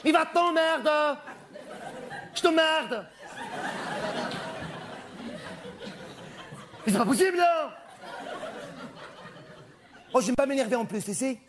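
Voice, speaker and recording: A man's voice: very high-pitched, animated, normal speed, long pauses, a crowd in the background, background noise. A man performing a stand-up monologue as a vain, chatty, flamboyant male cabaret performer who snaps at hecklers. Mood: snappy. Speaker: comedian.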